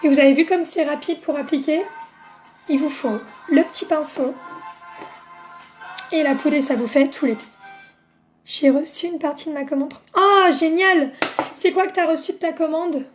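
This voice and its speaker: A woman's voice: high voice, normal speed, pauses often, soft background music. A woman hosting a makeup live stream, chatting casually with viewers and greeting them by name, with plenty of fillers.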